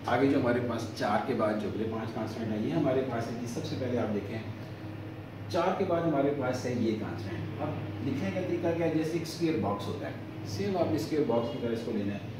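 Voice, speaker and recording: Man teaching in an echoey room, slow and drawn out. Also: mid-range voice. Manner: slow, drawn-out repetition of example words; asks questions and then answers them. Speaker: language teacher. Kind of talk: explaining the alphabet. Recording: echoey, from far off, faint noise.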